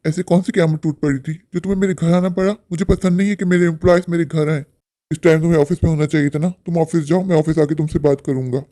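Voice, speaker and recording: An arrogant rich boss from a cartoon, harsh and contemptuous, as a man voices him. His voice is dark and mellow in tone, but the words come fast and sharp. He talks down to everyone around him. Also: fairly high pitch, fairly even intonation, close to an everyday voice. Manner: scornful, shouting down others. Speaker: cartoon character.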